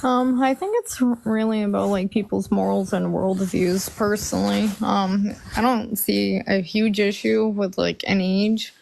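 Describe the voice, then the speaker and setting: A woman's voice: medium pitch, steady tone, measured pace, vocal fry, few pauses, a little mellow, slight background noise. A woman calling into a livestream panel, speaking hesitantly with many "um"s. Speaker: panel caller. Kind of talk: casual livestream chat.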